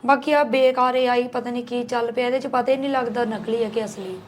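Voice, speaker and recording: A woman's voice: on the high side, fairly even intonation, fast, slight background noise, lightly acted. A young woman playing a frightened newly married bride who pleads tearfully. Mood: pleading. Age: young adult. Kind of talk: acted village drama dialogue.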